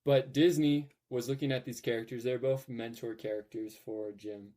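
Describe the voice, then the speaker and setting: Young man, mellow podcast host. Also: medium pitch, steady tone, moderate pace. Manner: rambling, upbeat, lots of fillers. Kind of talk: casual podcast chat.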